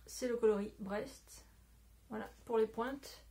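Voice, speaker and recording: A woman's voice: a little high, fairly even intonation, measured pace, vocal fry, warm tone. A woman talking casually to her phone camera at home as a knitting podcaster, rambling with many fillers and self-corrections. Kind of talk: casual video chat. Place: at home, indoors.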